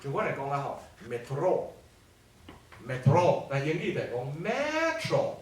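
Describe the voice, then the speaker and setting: A man giving an animated classroom lecture, peppered with rhetorical questions. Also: mid-range voice, racing. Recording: echoey hall from far off.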